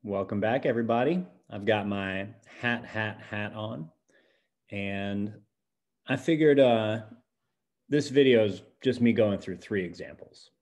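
A man opens a math lesson video in a relaxed, conversational way. His voice sits slightly low, and he speaks like a teacher greeting his class. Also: unhurried.

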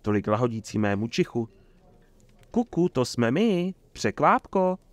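A man's voice: medium pitch, lively intonation, no echo, lightly acted. A man voicing a flamboyant, boastful male troubadour who teases and shows off, in a theatrical manner. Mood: teasing. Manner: showy, mocking, theatrical.

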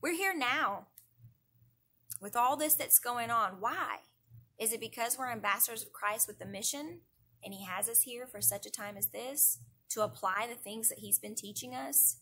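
A woman leads an online church devotional with a bright, fairly high voice. She talks earnestly and stacks repeated phrases for emphasis, building toward prayer. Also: moderate pace, breathy edge. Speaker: youth director. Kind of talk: devotional talk. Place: indoors, online church broadcast.

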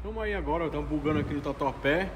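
A man rattles off details about his car wrap shop at a quick clip, eager to explain. His voice rings out in a reverberant workshop over loud background noise. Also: on the high side. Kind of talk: casual conversation.

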